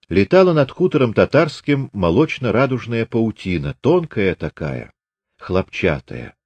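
A man with a low voice reads a classic novel aloud, measured and expressive. The sound is dry and close, with no room around it. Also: dry recording. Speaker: narrator. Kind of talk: literary audiobook reading.

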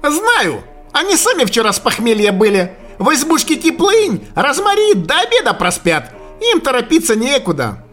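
A gruff old Siberian hunter, as a male reader puts him on, loud and scolding in folksy outbursts. His voice sits raised and high, leaping animatedly between exclamations. Thin music lingers faintly behind the audiobook reading. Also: huge pitch swings, normal speed, exaggerated voice. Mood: scheming. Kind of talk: audiobook character voicing.

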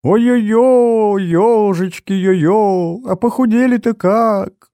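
A man's voice: high-pitched, takes it slowly, mellow, dry recording, pitched above the performer's own voice. A man voicing a fussy, affectionate middle-aged mother in an audiobook, with doting, fretful exclamations. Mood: fussing. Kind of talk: audiobook character voice.

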